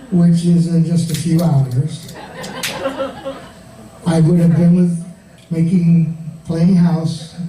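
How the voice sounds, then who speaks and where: A man's voice: fairly high pitch, mellow. A man in his sixties doing a stand-up comedy set, telling rambling folksy stories and chuckling at his own jokes. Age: 60s. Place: comedy club stage. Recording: echoey room from far off, with crowd and noise.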